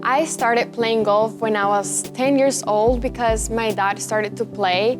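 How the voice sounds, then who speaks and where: Young woman, from Ecuador, student athlete, earnest upbeat talk, clear music bed behind. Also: a little high, steady tone, a little slow. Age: young adult. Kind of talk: interview talk.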